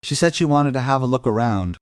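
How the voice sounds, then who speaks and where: In an audio drama, a male actor plays a brooding, persistent crime investigator, narrating and questioning in a measured, reflective way. His medium-pitched voice has lively intonation and sounds close to everyday speech, recorded cleanly in a studio with no room sound.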